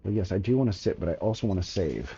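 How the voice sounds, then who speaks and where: A man's voice: low voice, lively intonation, quick pace, warm tone, slightly rough, lo-fi sound, soft background music. A man giving casual gameplay commentary as a streamer, laid-back and chatty, slangy, talking to his chat. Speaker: game streamer.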